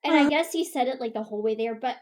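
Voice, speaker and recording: Animated young woman telling a story. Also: a little high, quick pace. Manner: animated storyteller, laughs often, acts out quotes. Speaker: podcast co-host. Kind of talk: casual chat.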